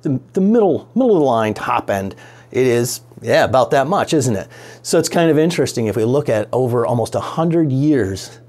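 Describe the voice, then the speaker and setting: With lively intonation and a darkish, medium-pitched voice, a man narrates a radio restoration how-to at normal speed. He keeps the DIY explanation casual and often poses rhetorical questions as he thinks aloud.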